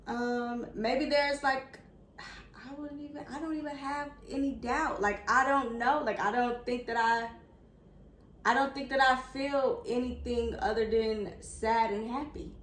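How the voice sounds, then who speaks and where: A woman's voice: a little high, fairly even intonation, measured pace. Earnest woman in an echoey room. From United States. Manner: earnest and reflective, repeats herself for emphasis. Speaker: vlogger interviewing her father. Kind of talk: heartfelt sit-down conversation over a meal. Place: indoors at a table. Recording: echoey room with faint background noise.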